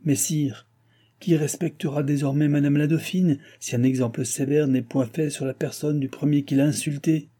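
A man's voice: fairly high pitch, steady tone, moderate pace, mellow, pitched above the performer's own voice, natural voice. A man voicing a zealous court minister in an audiobook, speaking firmly and insistently. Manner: firm, insistent. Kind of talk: audiobook reading.

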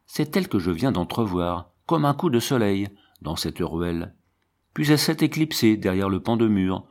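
A man reading a classic novel aloud as an audiobook, in a measured narrating voice. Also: on the low side, sing-song, darkish tone. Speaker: audiobook reader.

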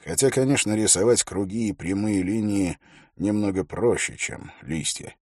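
A man's voice: on the low side, darkish tone, breathy edge, dry recording. A man reading as a wry old grey-bearded ranger. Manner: dry, wry, unhurried.

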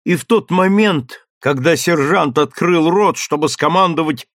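A man narrating an audiobook in a steady, measured reading. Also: a little high, dry recording, clean studio sound. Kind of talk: scripted narration.

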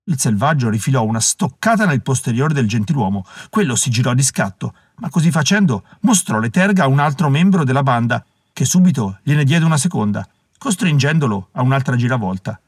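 Expressive male audiobook narrator. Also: medium pitch, breathy edge, no echo, clean studio sound. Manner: measured, dramatic storytelling. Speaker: audiobook reader. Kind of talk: scripted narration.

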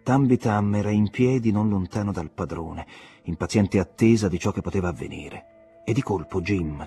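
A man reading a novel aloud as an audiobook narrator, measured and expressive. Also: low-pitched. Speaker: audiobook reader.

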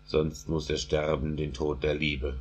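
A man voicing a wise, respectful court physician in slow, solemn verse. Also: very deep voice, flat delivery, breathy edge, full character voice. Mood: earnest.

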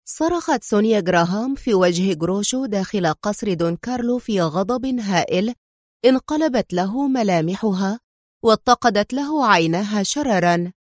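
A woman narrating a spy novel as an audiobook in a steady, expressive reading. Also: mid-range voice, moderate pace, no echo, studio quality.

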